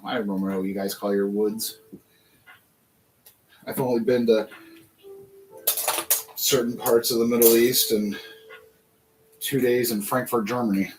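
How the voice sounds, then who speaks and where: A man's voice: medium pitch, slight background noise, low-quality recording. An American man hosting a livestream, chatting casually and rambling through rhetorical questions while he builds. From United States. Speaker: livestream host building toy bricks.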